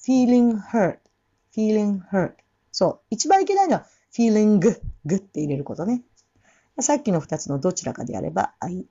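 A woman coaches English song pronunciation in a casual, explanatory way, breaking into slow sung English phrases to demonstrate. Her voice is mellow and warm, with a lively, swooping pitch. The recording sounds a little dull. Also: breathy edge. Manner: explains in Japanese, breaks off to sing and repeat English phrases slowly.

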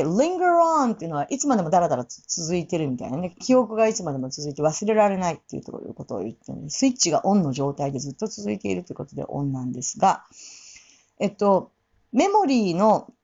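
A woman's voice: lowish voice, mellow, muffled recording. A woman teaching English pronunciation for singing, demonstrating the sounds by repeating words. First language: Japanese. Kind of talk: casual spoken lesson.

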